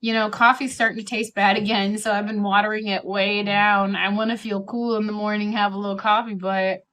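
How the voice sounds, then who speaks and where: A woman's voice: medium pitch, little pitch movement, fairly quick, fairly bright tone. A middle-aged woman with a mid-range voice chats casually to the camera as she eats a steak dinner. She rambles from one thought to the next and often slips into quoting what she said or thought. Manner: talking while eating a steak dinner; chatty, rambling, self-quoting. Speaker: vlogger.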